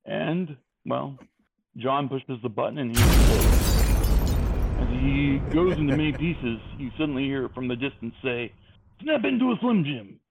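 A man's voice: mid-range voice, a little slow, vocal fry, darkish tone. A man improvising a comic retelling as a storyteller, rambling and correcting himself as he goes. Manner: rambling, self-correcting narration. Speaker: comedy storyteller. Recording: tinny phone-like line.

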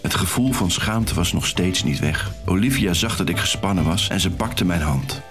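A man's voice: sits low, expressive, normal speed, a bit bright, soft background music. An actor playing an anxious, self-conscious young man, narrating an audio drama in the first person with a wry, rueful manner. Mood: wondering. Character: anxious young man, shy secret dancer. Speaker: narrator and lead character.

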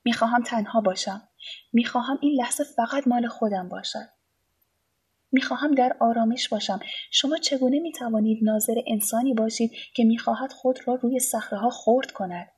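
A woman's voice: fairly high pitch, a little mellow, husky. A woman reading a storybook voices an agitated, despairing young man of twenty. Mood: pleading. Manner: agitated, raised voice.

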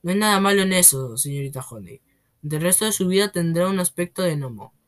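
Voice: mid-range voice, expressive, a little fast, natural voice. Trunchbull, a reader doing a roaring headmistress. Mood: scornful. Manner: roaring, scornful. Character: bullying, tyrannical headmistress, woman.

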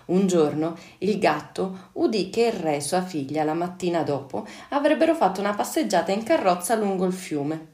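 A woman teacher reading a children's fairy tale on radio, clear and unhurried. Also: fairly low pitch, animated, a little mellow. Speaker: storyteller, teacher. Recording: echoey room.

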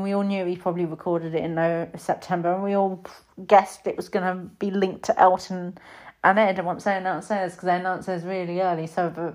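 A British woman in her thirties chatting casually about films, rambling and breaking into high-pitched mimicked reactions. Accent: British English. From Britain. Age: 30s. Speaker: film reviewer. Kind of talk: casual chat.

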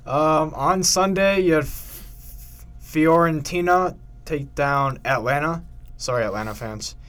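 A man's voice: on the high side, takes it slowly, fairly bright tone. Upbeat man reading soccer scores. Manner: upbeat, reads match scores with jokey asides. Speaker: podcast co-host. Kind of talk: casual sports chat.

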